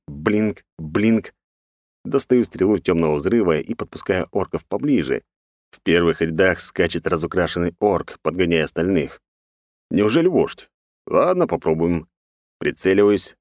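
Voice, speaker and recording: A man narrating a first-person fantasy audiobook in a sardonic, rough-edged, casually swearing manner. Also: low-pitched, a little mellow, dry recording, studio quality.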